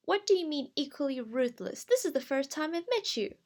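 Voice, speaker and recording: A woman's voice: sits high, animated, a little slow, full character voice. A woman voicing a haughty, insecure young witch who protests indignantly.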